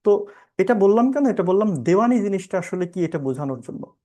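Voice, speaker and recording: Bangladeshi man lecturing on law, mellow voice. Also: high-pitched, expressive, fairly quick. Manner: explanatory, asks and answers his own questions; mixes English legal terms into speech. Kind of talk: classroom-style lecture.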